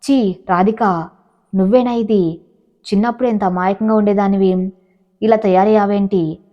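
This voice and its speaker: A woman voicing a suspicious, quick-tempered husband who talks in an irritated, scolding way. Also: medium pitch, steady tone, lightly acted. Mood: disgusted. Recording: dull lo-fi audio.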